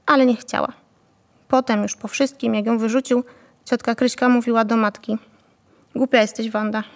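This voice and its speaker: A woman narrating a novel in a calm, steady way. Her voice is fairly high with a gravelly texture. The recording carries a long, lingering reverb. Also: moderate pace. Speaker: audiobook narrator.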